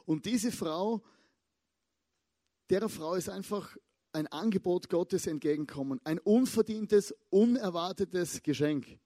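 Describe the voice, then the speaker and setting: A young man giving a lively, casual sermon, chatting with asides and stretching key words slowly for emphasis. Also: high-pitched, no echo, clean studio sound. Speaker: pastor.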